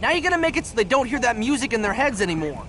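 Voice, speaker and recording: A man voicing an earnest, excitable young boy hero in a cartoon. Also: very high voice, rapid-fire, soft background music, heavily acted. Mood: eager. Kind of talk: cartoon voice acting.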